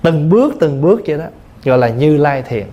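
Monk giving a plain-spoken dharma talk. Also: male voice, fairly high pitch, sing-song, a little fast, mellow, dull audio. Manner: plain, patient explaining through everyday examples. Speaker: Buddhist monk teacher. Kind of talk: dharma talk answering questions.

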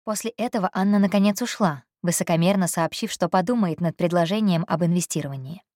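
A woman narrating an audiobook in a steady, measured reading voice. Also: fairly low pitch, no room sound, studio quality. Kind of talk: scripted narration.

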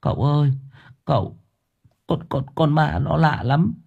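A man's voice: on the high side, unhurried, creaky, husky, narrow, tinny audio, pitched above the performer's own voice, heavily acted. A man voicing a frightened young boy who stammers and repeats words in an audiobook story. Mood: tearful.

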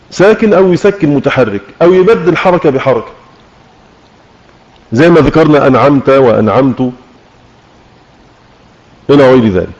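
A man with an Egyptian accent teaching a religious lesson, explaining with questions to his listeners and slowing down to demonstrate recitation. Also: fairly high pitch, darkish tone. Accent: Egyptian Arabic. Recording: muffled lo-fi online audio room.

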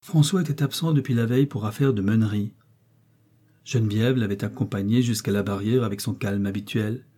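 A man reading a classic novel aloud as an audiobook narrator, in a measured, even storytelling manner. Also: lowish voice, slightly rough. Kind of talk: scripted literary narration.

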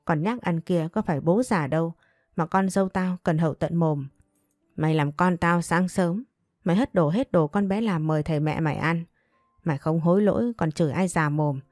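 A woman reading an old village patriarch who has lost his temper: he scolds his grown son, hurling insults between short breaths. The voice sits low and mellow, the reading is close and dry, and faint music plays underneath. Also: moderate pace, dry recording, close to an everyday voice. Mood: furious scolding.

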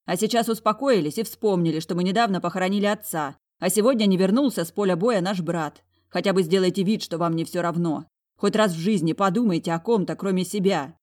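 A proud young heiress who speaks firmly and commands respect, as a woman reader voices her. This storybook voice is steady and stern. Her tone is lower and calmer than the others. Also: brisk, lightly acted. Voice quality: firm, commanding.

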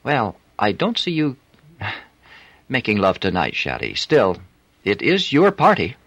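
A man's voice: on the low side, wildly swooping pitch, measured pace, fairly bright tone, dry recording, pitched above the performer's own voice, full character voice. Man doing a flirty French streetwalker. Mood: teasing. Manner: teasing, coaxing, broken English.

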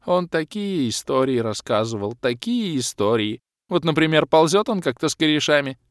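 A man's voice: fairly high pitch, expressive, moderate pace, dry recording, studio quality, voice pushed up, close to an everyday voice. A man voicing a whimsical, mournful bald male elf mage in an audiobook.

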